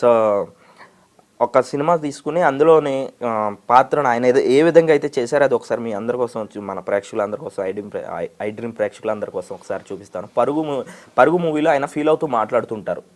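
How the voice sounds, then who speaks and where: A man's voice: medium pitch, quick pace. Easygoing male mimicry artist. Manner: easygoing, explains before each imitation. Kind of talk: casual interview chat.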